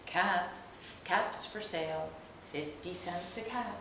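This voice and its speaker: A woman's voice: fairly low pitch, takes it slowly. Woman reading to children as an emphatic storybook peddler man, echoey. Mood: calling out. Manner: emphatic calling and scolding. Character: male cap peddler, calling out wares, easily exasperated. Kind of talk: storybook character read aloud to young children. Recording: very echoey room, distant mic, clear noise.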